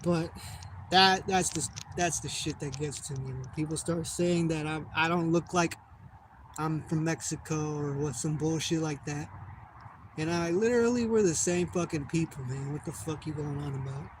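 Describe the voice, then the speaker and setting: Young man, casual monologue, profane and rambling, slightly high voice, noisy recording. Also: normal speed. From United States. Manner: profane, rambling, losing his train of thought. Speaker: vlogger. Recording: noisy background.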